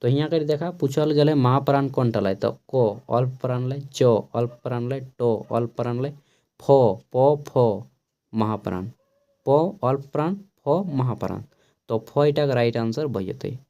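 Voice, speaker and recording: A man with a Khortha-inflected Hindi accent teaching an exam-prep lesson, explaining slowly and often checking with a quick "okay". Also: medium pitch, dark tone, lo-fi sound.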